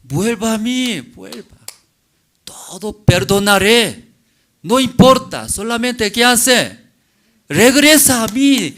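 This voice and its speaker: A man's voice: very high voice, expressive, takes it slowly, a bit bright, voice pushed up, heavily acted. A man voicing a faithful husband who urgently begs his wife to come back, quoted in a sermon story. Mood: pleading. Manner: urgent, imploring. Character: forgiving faithful husband, pleading.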